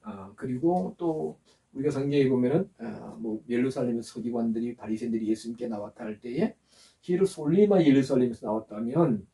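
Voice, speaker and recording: A male pastor giving a sermon, explaining words slowly and asking the listeners to repeat after him. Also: mid-range voice, warm tone, recorded from a distance. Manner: teaching, with pauses to explain terms and have the congregation repeat words.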